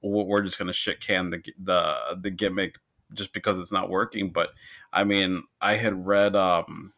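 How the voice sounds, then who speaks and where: A man's voice: sits low, fairly even intonation, moderate pace, vocal fry, a bit bright. A man co-hosting a casual podcast, telling a rambling, amused story. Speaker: podcast co-host.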